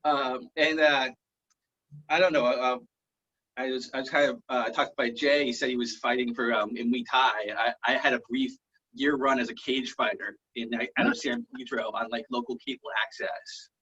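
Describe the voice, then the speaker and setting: A man doing a halting, rambling stand-up set over a video call, full of fillers. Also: mid-range voice, steady tone, sharp tone, slightly rough, lo-fi sound. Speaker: stand-up comedian.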